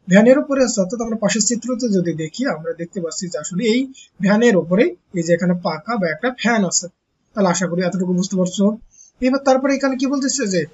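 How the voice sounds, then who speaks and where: Teacher, husky breathy voice, asks and answers own questions, repeats words slowly, dull lo-fi recording. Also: mid-range voice, a little mellow. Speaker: English teacher for young pupils. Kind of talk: online lesson explaining a textbook.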